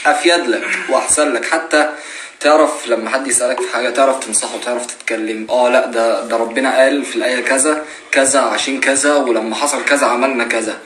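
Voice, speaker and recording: A man's voice: medium pitch, steady tone, quick pace, fairly bright tone. A young man in his twenties with an Egyptian Arabic accent, giving earnest casual religious advice on a live stream and asking rhetorical questions. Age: 20s. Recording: roomy echo, faint noise.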